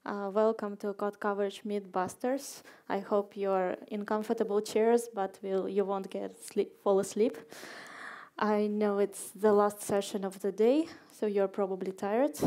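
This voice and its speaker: Young woman from ukraine, chatty conference talk, mellow warm voice. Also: mid-range voice, flat delivery, a little slow. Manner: casual, playful, filler-heavy. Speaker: conference speaker. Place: conference hall stage.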